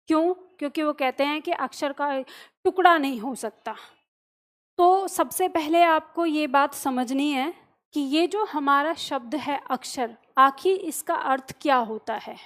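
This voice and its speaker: High-pitched woman teaching grammar. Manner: asks questions, then answers them herself; checks in often with "ठीक है" and "सही है?". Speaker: Hindi teacher. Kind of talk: explanatory online grammar lesson.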